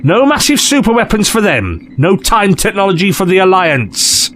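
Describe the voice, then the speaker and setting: Breezy male alien adventurer, played by a man, teasing and theatrical, very lively, fairly high pitch, audio drama. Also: normal speed, slight background noise. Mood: smug, firm. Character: breezy, cheeky alien time-traveller, playfully teasing adventurer.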